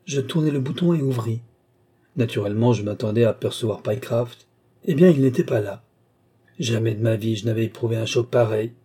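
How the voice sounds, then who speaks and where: A man reading a story aloud as an audiobook narrator, with a measured, even storytelling manner. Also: mid-range voice, breathy edge. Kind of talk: scripted narration.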